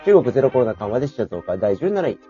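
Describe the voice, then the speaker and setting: Chatty young guy reading news headlines, lots of filler, lively up-and-down voice, dull lo-fi sound w faint music. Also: medium pitch, fast talker, slightly rough. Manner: chatty, laughs often, reads headlines with fillers. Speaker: podcast co-host. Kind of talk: casual chat, reading a news ranking.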